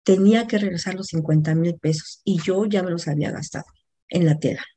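A middle-aged woman with a Mexican accent, a coach recounting a personal story in a lively, anecdotal way, often correcting herself mid-sentence. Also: fairly low pitch, brisk, slightly rough.

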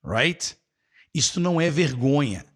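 A man's voice: a little high, lively intonation, unhurried, fairly bright tone, slightly rough. A middle-aged Brazilian man hosting a live English class, encouraging viewers and repeating key phrases, mixing in English. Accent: Brazilian Portuguese.

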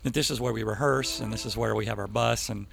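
A man hosting a casual podcast chat, relaxed and opinionated, recorded in a band's rehearsal space. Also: on the low side, fast talker, vocal fry, over music. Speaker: podcast host. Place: band rehearsal space by a train track.

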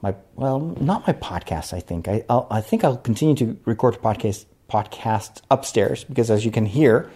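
A man's voice: medium pitch, lively intonation, normal speed, few pauses, dark tone, a little hiss or hum. A man chatting casually to his listeners as a podcast host, thinking aloud and rambling a little in an echoey living room with a wooden floor.

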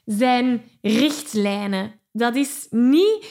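A woman's voice: fairly high pitch, lively intonation, very slow, mellow. A woman singing teacher giving an encouraging vocal lesson, explaining technique and singing short examples. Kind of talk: vocal lesson with sung demonstrations.

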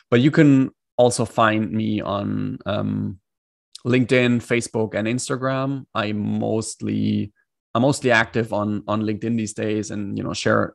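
A German-speaking man, interviewed as a coach over a casual video call, sounds reflective and hesitant and keeps restarting his sentences. His voice is gravelly and fairly low.

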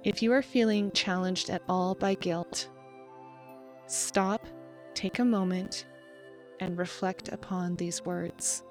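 A woman hosting a podcast, leading a guided meditation in a calm, slow and measured voice with soft pauses. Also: lowish voice. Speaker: podcast host.

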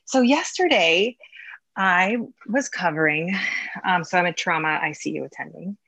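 A woman's voice: on the low side, moderate pace, sharp tone, slightly rough, dry recording. A woman in her thirties, a doctor, telling a frustrating story in a rambling, exasperated way with many restarts. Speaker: coaching client, physician. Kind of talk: emotional casual storytelling.

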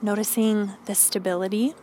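A woman podcast host leading a calm grounding meditation, giving gentle, encouraging instructions. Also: medium pitch, moderate pace, slight background noise.

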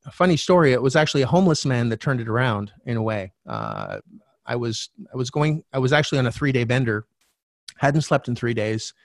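A middle-aged man, a podcast guest and real estate coach, telling a candid personal story in a frank, animated way, swearing casually. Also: medium pitch, no echo, studio quality.

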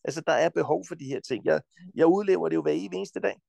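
A Danish man talking as a podcast guest, giving forceful advice bluntly and insistently, with frequent swearing. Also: fairly high pitch, vocal fry, no room sound.

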